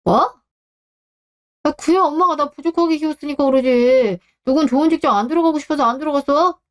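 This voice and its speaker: A woman's voice: brisk, natural voice. A woman voicing an entitled middle-aged son who whines and complains indignantly in a radio drama. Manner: whiny and indignant, voice rising high. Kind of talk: Korean radio drama acting.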